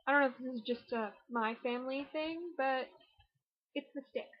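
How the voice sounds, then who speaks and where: A young Canadian woman with a Canadian accent talks casually through an accent challenge, chatty and self-mocking, rushing through her words. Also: high voice, lo-fi sound. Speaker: vlogger.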